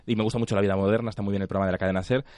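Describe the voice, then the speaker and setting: Fast-talking radio host, man. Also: fairly low pitch, steady tone, a little mellow, no echo. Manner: rapid, chatty, self-interrupting. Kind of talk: casual studio chat.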